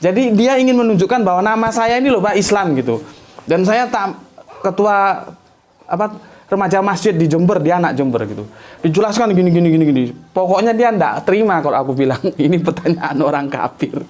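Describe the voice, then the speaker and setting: Middle-aged male preacher, somewhat high voice. Relaxed anecdotal storyteller, chatty and informal. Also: fairly quick. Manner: chatty, anecdotal, frequent conversational tags and laughs. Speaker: Islamic preacher. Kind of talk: storytelling religious talk.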